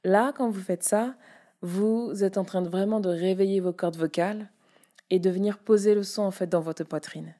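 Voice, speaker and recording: A woman's voice: medium pitch, steady tone, moderate pace, mellow. A young woman giving a casual spoken lesson on voice, demonstrating chest, mask and head voice as she explains. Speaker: voice and public speaking coach.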